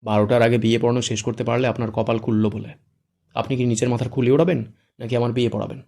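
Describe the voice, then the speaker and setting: A man's voice: mid-range voice, flat delivery, fast, darkish tone, lightly acted. A man voicing a hot-tempered young groom who gives curt, threatening commands. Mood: bossy.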